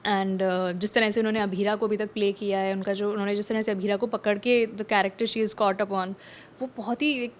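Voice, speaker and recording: A woman's voice: medium pitch, flat delivery, normal speed. A young actress in a casual interview, chatting freely and mixing English phrases into her talk with frequent restarts. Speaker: actress guest.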